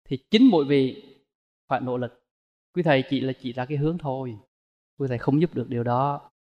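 A man's voice: medium pitch, a little fast, muffled recording. A man, a Buddhist monk giving a dharma talk in a folksy, storytelling way full of rhetorical questions. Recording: long hall reverb.

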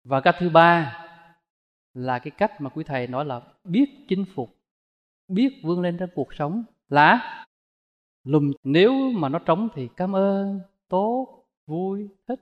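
A Buddhist monk gives a dharma talk, his voice sitting fairly high for a man. He preaches in a folksy, storytelling manner, throwing rhetorical questions at his listeners. His words ring out with a long, lingering reverb, as if spoken in a large hall. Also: animated, slow, highs cut off.

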